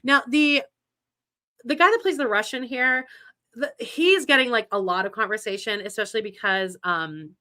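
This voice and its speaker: Her voice sits a little high and moves at normal speed, pushed and bright, as she co-hosts a chatty pop-culture podcast. She keeps restarting, says "like" constantly, and rambles with obvious enthusiasm.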